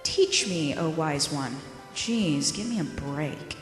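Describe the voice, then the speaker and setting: A woman's voice: deep voice, lively intonation, slow, echoey room, big-room sound, soft background music. A woman playing a sassy, cynical bat spy in a scripted audio drama, with a sarcastic, sardonic way of talking.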